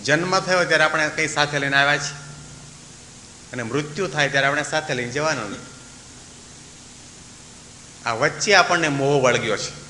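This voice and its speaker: A man's voice: a little high, moderate pace, pauses often, bright, forceful tone. A man, a swami, giving a devotional sermon, telling a story and voicing its characters as he goes. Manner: acts out the dialogue of his story, breaks into sung verses. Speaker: swami giving a religious discourse. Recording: echoey hall with faint hiss.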